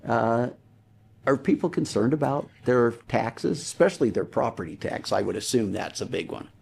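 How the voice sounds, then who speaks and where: A man hosting an interview who asks questions in a halting way, often restarting them. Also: mid-range voice, expressive, gravelly, a little mellow, breathy edge. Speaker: interview host. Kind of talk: conversational interviewing.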